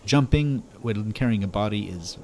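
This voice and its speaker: A man's voice: on the low side, lively intonation, moderate pace, darkish tone, slight background noise. A man hosting a let's play, giving casual, rambling lore commentary full of fillers. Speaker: gamer host.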